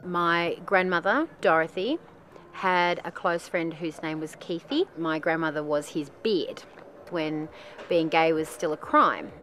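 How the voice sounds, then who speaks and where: A woman's voice: low voice, unhurried, a bit bright, faint music behind. A middle-aged woman, narrating her own documentary in a chatty, self-deprecating way, laughing between phrases.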